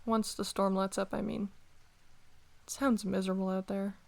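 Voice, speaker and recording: Casting: actress as bossy, grudgingly caring young female rival for ASMR role-play; mid-pitched, heavy creak, grumbly conversational delivery. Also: little pitch movement, normal speed, natural voice. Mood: reluctant, grumbling.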